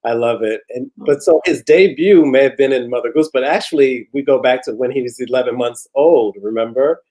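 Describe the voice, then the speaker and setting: A man hosting an interview, asking questions with restarts and answering with quick affirmations. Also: medium pitch, rough recording. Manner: warm prompts, frequent short affirmations, restarts. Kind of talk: conversational interview.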